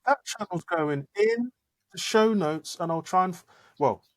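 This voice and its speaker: A man's voice: sits high, lively intonation, a little slow. A man co-hosting a podcast, talking casually and thoughtfully with hesitant restarts. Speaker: podcast co-host. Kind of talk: casual chat.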